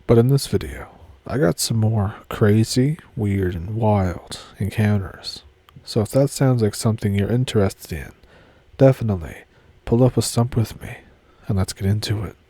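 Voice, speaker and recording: A man hosting and narrating stories in a casual, unhurried way, slightly mumbling because a sore jaw keeps his mouth from opening fully. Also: lowish voice, dark tone, slightly rough, no echo. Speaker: host reading listeners' encounter stories. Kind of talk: scripted storytelling narration.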